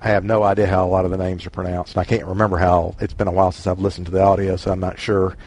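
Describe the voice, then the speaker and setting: A man's voice: deep voice, flat delivery, rapid-fire, darkish tone, breathy edge. A man with a Southern US accent hosting a casual book discussion, rambling and self-deprecating. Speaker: book club host.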